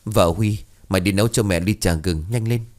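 A man's voice: on the low side, a little fast, darkish tone, natural voice. A man with a Southern Vietnamese accent voicing an anxious grandmother soothing a child.

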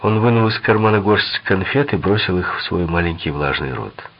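A man narrating a crime novel audiobook in an expressive, dramatic reading. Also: low voice, moderate pace, lo-fi sound.

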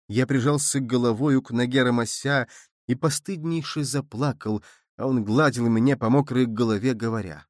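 A man narrates a literary story at a measured, expressive pace. His voice sits mid-range for a man. The recording is close and dry, with no room sound. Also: mid-range voice, no echo. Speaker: audiobook narrator.

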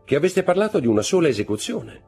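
A man voicing a puzzled, uneasy young gentleman who asks politely. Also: on the high side, very animated, quick pace, breathy edge, faint music behind, voice pushed up, heavily acted.

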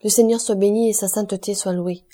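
A woman's voice: medium pitch, fairly even intonation, a little fast, dark tone, lightly acted. Woman reading as a solemn proclaiming friar. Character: solemn head of a religious brotherhood.

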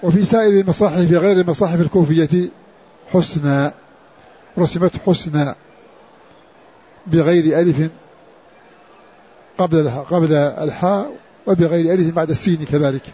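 A man teaching a slow, scholarly lesson on Quran orthography. He speaks in a measured way and repeats key words for emphasis. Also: on the high side, fairly even intonation, dark tone, breathy edge. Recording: dull lo-fi recording.

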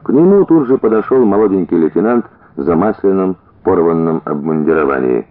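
A man reading a story aloud as narrator, changing his pitch for the different characters. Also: expressive, brisk. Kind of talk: audiobook reading with voiced dialogue. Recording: tinny narrow-band radio recording.

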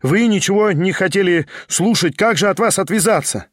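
Man doing a stern second yelling orders, high and loud. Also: normal speed, no echo, clean studio sound. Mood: exasperated. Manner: loud, commanding. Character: stern male duel second giving commands.

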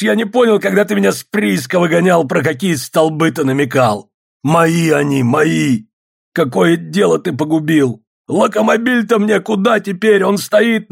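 A furious old prospector , as a male audiobook reader puts him on, shouts his grievances in a high, strained voice with wild swings of pitch. The voice is husky and raw. He rants and threatens, close to tears. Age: older. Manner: shouting, ranting. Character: older male gold prospector, furious and tearful. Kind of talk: audiobook narration.

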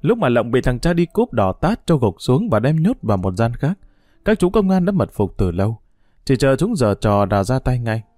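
Expressive male audiobook narrator. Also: medium pitch, normal speed, dry recording. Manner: expressive, storytelling. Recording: dry close mic with faint music.

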